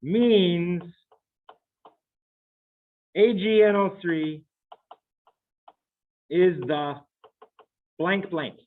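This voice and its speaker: Speaking very slowly with long pauses, a high-voiced man leads a chemistry class. The classroom recording sounds tinny and phone-like as he chats through problems and quizzes his students, thinking aloud as he goes.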